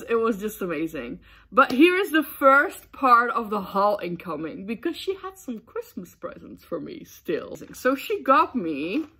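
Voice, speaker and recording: A young woman from the Netherlands telling a casual storytime, excitable and giggly with lots of ums. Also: a little high, breathy edge. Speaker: booktube vlogger.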